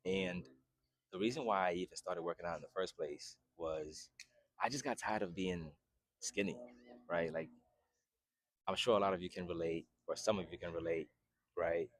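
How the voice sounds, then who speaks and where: A man's voice: sits low, moderate pace, long pauses, no echo, studio quality. A man in his twenties, originally from Haiti, talking casually to camera as a fitness vlogger and often checking in with "right?". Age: 20s. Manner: conversational, repeats "right?" often. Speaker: fitness vlogger and personal trainer.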